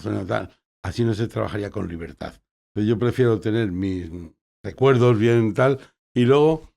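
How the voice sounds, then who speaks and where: A man's voice: lowish voice, creaky, a little mellow. A man from Spain, a journalist and filmmaker, chatting as a guest in a playful, joking way and often repeating himself. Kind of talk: casual conversational interview.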